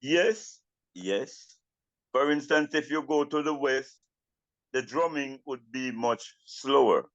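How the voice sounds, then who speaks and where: An older Jamaican man talks in Rastafari speech at a very slow, deliberate pace, repeating phrases as he reflects. The sound is roomy and a little muffled. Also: mid-range voice. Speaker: interviewee, Rastafari elder and drummer. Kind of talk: reflective interview talk.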